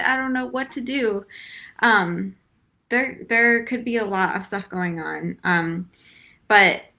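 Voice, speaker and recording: Young woman, bright tone, relaxed chatty flute teacher on a live stream. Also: mid-range voice. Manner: chatty, many ums, laughs easily. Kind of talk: casual live-stream lesson.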